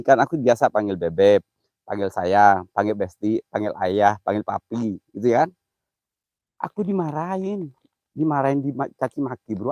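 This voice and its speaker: A man's voice: medium pitch, dark tone, no room sound, highs cut off. A man hosting a night-time live stream, joking, laughing often and reading out viewer comments. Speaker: live-streaming mystery host. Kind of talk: live stream chat while exploring at night.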